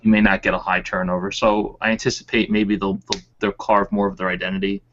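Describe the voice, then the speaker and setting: Low-voiced man, dry and matter-of-fact. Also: little pitch movement, fast talker, a bit bright, a little hiss or hum. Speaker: co-host. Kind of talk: casual chat about tabletop wargaming. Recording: dull lo-fi recording.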